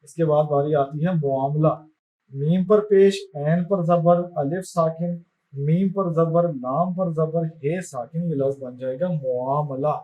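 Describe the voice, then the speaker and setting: A male teacher giving a lesson, spelling out vowel marks in a slow, careful dictation. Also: a little high, narrow, tinny audio. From Pakistan. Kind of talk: classroom lesson.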